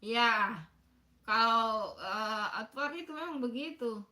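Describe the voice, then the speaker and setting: Bright high-voiced woman livestreaming. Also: takes it slowly. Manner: chatty, greets viewers by name, frequent apologies and laughs. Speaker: livestream host. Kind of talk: casual livestream chat with viewers.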